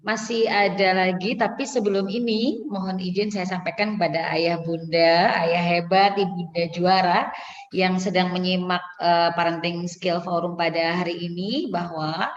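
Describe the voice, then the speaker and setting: A woman moderates a parenting forum, courteously reading out contact details and questions from listeners. Her voice sits on the low side. The recording is dull and lo-fi, with long reverb from a large echoey hall. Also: steady tone, normal speed, slight background noise.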